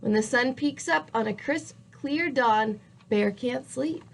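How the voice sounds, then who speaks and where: A woman reading a picture book aloud with a rhythmic, drawn-out delivery. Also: sits high, vocal fry. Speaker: storybook reader.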